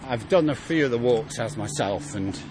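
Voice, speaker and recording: A man's voice: medium pitch, animated. Hesitant man talking outdoors. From England. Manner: hesitant, halting restarts. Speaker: walk participant. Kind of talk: casual conversation while walking. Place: outdoors on a city walk. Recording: outdoor street noise.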